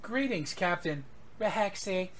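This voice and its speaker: A game master voicing a calm male ship computer intelligence that speaks in clipped, formal, machine-like phrasing. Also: mid-range voice, unhurried, heavy background noise, voice pushed up, lightly acted.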